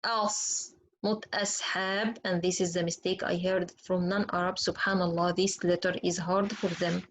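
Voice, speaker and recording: A woman's voice: fairly low pitch, slightly rough, rough recording. A woman whose first language is Arabic, teaching Quran pronunciation in an online lesson and demonstrating letter sounds patiently.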